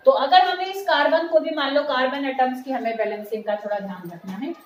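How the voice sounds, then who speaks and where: High-pitched lady teacher lecturing a class, roomy echo, faint hiss behind. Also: fairly quick. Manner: checks understanding often, calls students "beta". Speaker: chemistry teacher. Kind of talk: classroom lecture mixing Hindi and English terms. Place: classroom with students answering. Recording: echoey room with faint noise.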